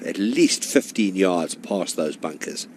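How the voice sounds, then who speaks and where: Low-voiced male golf commentator, noisy background. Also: lively intonation, takes it slowly. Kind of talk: live golf broadcast commentary. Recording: clear background noise, outdoor course ambience.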